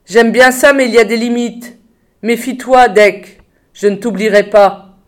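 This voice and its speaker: A woman's voice: a little high, steady tone, measured pace, close to an everyday voice. Arrogant teenage boy, read by a woman, contemptuous, threatening, storybook reading. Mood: haughty.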